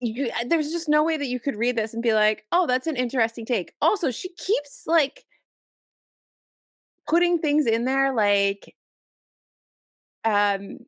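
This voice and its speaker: A woman co-hosting a podcast in casual chat, ranting in an animated, exasperated way with many restarts, close to her microphone. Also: on the high side, slow, long pauses, no echo. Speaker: podcast co-host. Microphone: close podcast mic.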